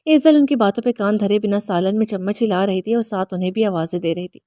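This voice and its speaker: A woman narrating a novel as an audiobook in steady storytelling. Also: medium pitch, no echo, clean studio sound.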